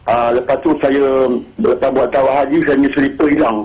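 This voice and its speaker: A Malaysian man calling in to a program, telling a personal story haltingly and repeating himself, heard over a telephone line. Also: medium pitch, fairly even intonation, a little mellow. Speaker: caller. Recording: muffled phone line.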